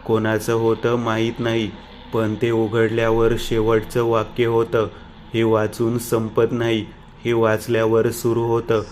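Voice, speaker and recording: Slow, flat-voiced male horror narrator. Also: medium pitch, a little hiss or hum. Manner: slow, flat, ominous delivery. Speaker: horror storyteller.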